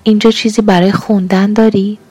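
A woman's voice: medium pitch, level tone, warm tone, breathy edge, dry recording, pitched above the performer's own voice, natural voice. A woman reading as a hungry, demanding young lover. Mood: coaxing. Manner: pleading then accusing, emotional.

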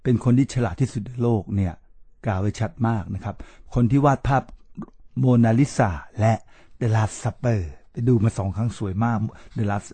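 A man hosting a podcast, giving a motivational talk with slow emphatic repetitions and speaking straight to his listeners. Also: lowish voice, dark tone, husky, no echo. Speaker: podcast host.

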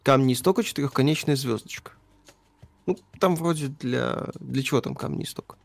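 Gravelly guy in his 30s reading chat questions on a game stream, chatty and offhand. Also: medium pitch, brisk, dry recording. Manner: chatty, reads questions aloud then answers offhand. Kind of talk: casual gaming stream chat.

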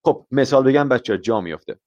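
A man runs a live online English lesson. He explains patiently and walks through everyday examples, slipping English phrases into his talk. His voice sits at an ordinary middle pitch, and the stream audio is dull and lo-fi. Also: expressive. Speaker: IELTS teacher.

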